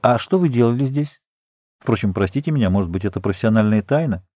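A man's voice: lowish voice, expressive, fast, warm tone, dry recording, clean studio sound. A man reading aloud, voicing an eager, curious young woman traveler who asks teasing questions.

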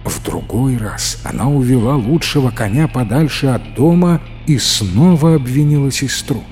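A man narrating a fairy tale in an expressive, dramatic storytelling manner. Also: medium pitch, moderate pace. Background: faint music.

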